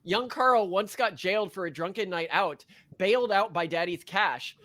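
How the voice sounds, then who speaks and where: In a casual, opinionated podcast chat, a male co-host reads facts from a list while rambling sarcastically. His voice is high-pitched and a bit bright, moving at a moderate pace.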